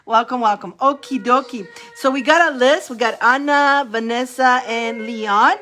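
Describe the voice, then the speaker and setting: A woman's voice: fairly high pitch, normal speed, sharp tone. A bubbly, giggly woman hosting a tarot livestream, chatting casually with her viewers. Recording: light music in the background. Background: background music.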